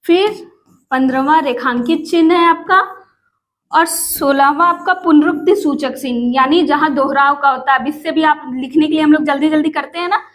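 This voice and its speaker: A woman's voice: high-pitched, normal speed. A woman teaching an exam-prep grammar lesson, asking questions and answering them herself and calling her viewers friends.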